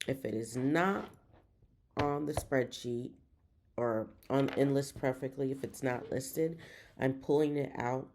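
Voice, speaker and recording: Woman reseller vlogging, winded, gravelly low-toned delivery, upbeat rambling chat. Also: mellow. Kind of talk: casual vlog update.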